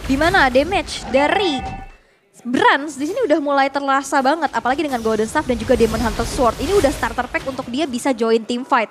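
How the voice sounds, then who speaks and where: High-voiced Indonesian woman casting esports. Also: a little fast. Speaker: esports caster and analyst. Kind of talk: esports commentary with analysis. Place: broadcast casting of a mobile game tournament. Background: music.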